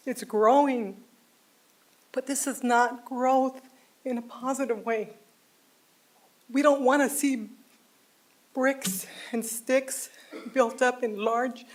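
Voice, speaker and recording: An older woman making a heartfelt, emotional public comment as a resident at a city planning meeting, speaking from a podium microphone. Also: high-pitched. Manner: heartfelt, pleading, slow and deliberate. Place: city council chamber.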